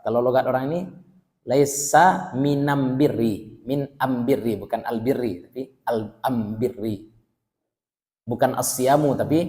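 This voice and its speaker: A man's voice: medium pitch, a little mellow. Man teaching in an echoing hall. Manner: reads Arabic text then translates line by line, conversational asides. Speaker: Islamic teacher. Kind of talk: religious book study lecture. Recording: long hall reverb.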